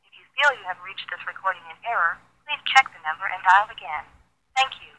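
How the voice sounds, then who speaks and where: A woman's voice: medium pitch, lively intonation, fast, sharp tone, no echo, rough recording. A woman's voice in a prerecorded phone message, heard over a speakerphone with a polite, formal announcing manner. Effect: recorded phone message played over a speakerphone.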